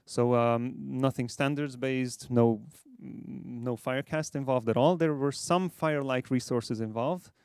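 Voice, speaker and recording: A man from Hungary presents to a conference audience as a software architect. He explains step by step at a middle pitch, pausing on fillers. The recording is dry and close. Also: steady tone, gravelly, smooth, no room sound. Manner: measured, explanatory, with frequent fillers. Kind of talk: conference talk.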